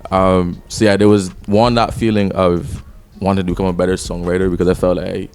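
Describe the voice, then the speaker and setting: Interviewed as a podcast guest, this young Barbadian rapper and songwriter, in his twenties, reflects in a relaxed, casual way. He talks fairly quickly in a deep voice that is level and darkish in tone.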